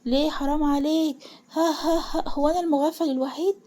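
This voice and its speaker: A woman's voice: on the high side, steady tone, fast, creaky, dark tone. A woman with an Egyptian accent voicing an anguished young man who shifts between bitter laughter and harsh threats. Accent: Egyptian Arabic.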